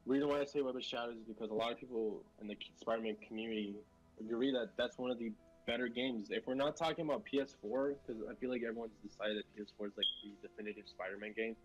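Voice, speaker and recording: A man's voice: mid-range voice, lo-fi sound. A man chatting casually about video games as co-host, rambling with many fillers and restarts. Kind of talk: casual gaming chat.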